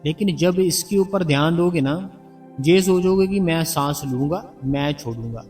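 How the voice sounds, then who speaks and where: Guy giving a devotional talk, kinda high voice, sounds a bit far from the mic, soft music behind. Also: normal speed. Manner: earnest, repetitive, coaxing explanations. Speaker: spiritual narrator addressing the congregation. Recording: distant mic with background music.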